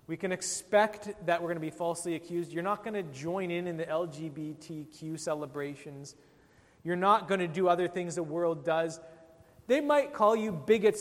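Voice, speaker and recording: A man, a pastor, delivering a sermon with an emphatic, rising and falling delivery. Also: a little high. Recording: long hall reverb.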